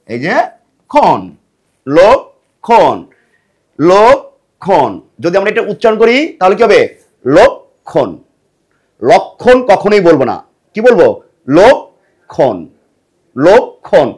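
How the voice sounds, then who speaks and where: Animated man teaching a grammar lesson. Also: high-pitched. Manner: asks the class questions and answers them himself, repeats words to drill; lively, emphatic delivery. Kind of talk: grammar lesson for exam preparation.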